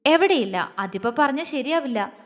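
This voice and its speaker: A woman's voice: sits high, animated, moderate pace. Woman voicing a teasing tender young husband. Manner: soft coaxing, teasing. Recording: long reverb.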